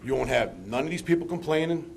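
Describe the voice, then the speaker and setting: A man's voice: mid-range voice, lively intonation, quick pace, creaky. A man speaking as a resident at a town council meeting, rambling and colloquial as he argues about local traffic. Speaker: resident speaking at public comment. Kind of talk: public meeting comment.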